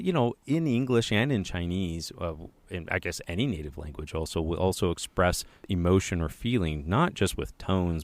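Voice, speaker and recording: Low-voiced guy co-hosting a podcast, upbeat and chatty, dry sound. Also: no echo. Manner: enthusiastic, upbeat, with frequent fillers. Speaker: podcast co-host. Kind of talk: casual chat.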